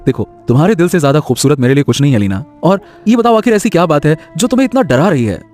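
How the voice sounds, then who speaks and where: A man's voice: on the high side, very animated, quick pace, darkish tone, soft background music. A man voicing Anshul, a playful, kind-hearted young village man who coaxes and teases, in a cartoon story. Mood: coaxing. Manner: teasing, coaxing. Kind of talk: Hindi cartoon voice acting.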